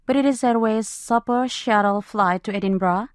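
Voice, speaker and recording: A woman's voice: fairly high pitch, moderate pace, no echo, studio quality, lightly acted. A woman playing a formal airport announcer reading scripted announcements. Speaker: airport announcer in listening exercise.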